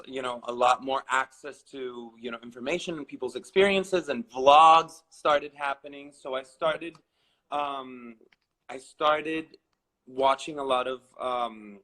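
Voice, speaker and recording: A man's voice: mid-range voice, slow pace, a bit bright, rough recording. A man in his thirties from Venezuela, telling his personal story with many restarts and fillers. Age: 30s. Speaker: guest.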